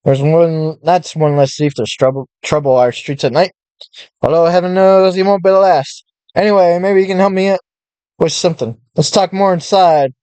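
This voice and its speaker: A man's voice: a little high, normal speed, a little mellow, clean tone, dry recording, lightly acted. A man doing a 1930s newsreel-style merchant. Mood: urgent. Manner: old-fashioned 1930s newscaster delivery. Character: secretive middle-aged male town merchant.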